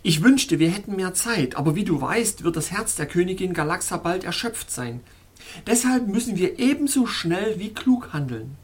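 A woman's voice: lowish voice, lively intonation, moderate pace, breathy edge. A woman voicing an earnest, wise little male baron in a storybook reading, speaking solemnly and reassuringly.

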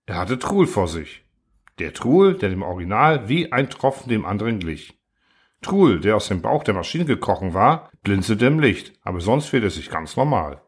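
A man reading a story aloud as narrator, with animated storytelling. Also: fairly low pitch, normal speed, slightly rough. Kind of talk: scripted narration.

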